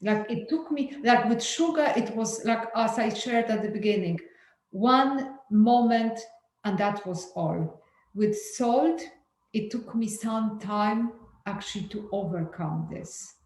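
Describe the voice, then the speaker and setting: Speaking slowly in a fairly high, animated and slightly mellow voice, a Polish woman takes part as a guest in a video-call group conversation. Her manner is candid and hesitant, marked by many fillers and restarts, with an echoey room and faint ambient noise in the background.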